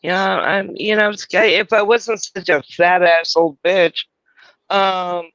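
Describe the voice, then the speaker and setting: A woman's voice: fairly low pitch, fairly even intonation, slow, a bit bright, dry recording, dull audio. A middle-aged woman hosting a livestream, rambling and crude, mocking herself as she chats. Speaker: livestream host. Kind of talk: casual livestream chat.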